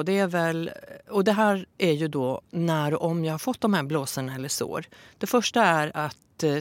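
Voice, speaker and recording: A woman calmly explaining breastfeeding advice in a casual podcast talk, with some fillers. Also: fairly low pitch, no room sound.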